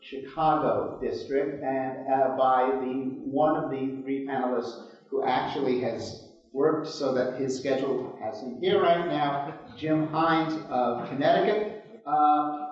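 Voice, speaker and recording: A man moderating a conference panel, pausing often with fillers, heard through a low-quality live stream recording from a hall. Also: steady tone. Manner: hesitant, many filler pauses. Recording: distant, echoey, muffled hall recording.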